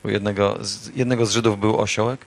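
In church, a man preaches a sermon to his congregation, telling a parable in a playful, repetitive way that builds into shouted refrains. His voice sits on the low side and is gravelly, with a level tone and a fast pace.

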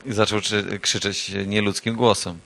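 A man's voice: on the low side, little pitch movement, moderate pace. Man preaching with playful storytelling. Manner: storytelling, repetitive, rising to shouted refrains; playful, joking with the congregation. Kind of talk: sermon with a parable. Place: church.

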